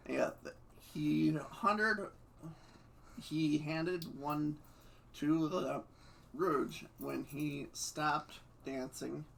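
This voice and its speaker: A man's voice: on the high side, vocal fry, a bit bright, slight background noise. A man reading fanfiction aloud, stumbling and stuttering over words and laughing between lines. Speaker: fanfiction reader.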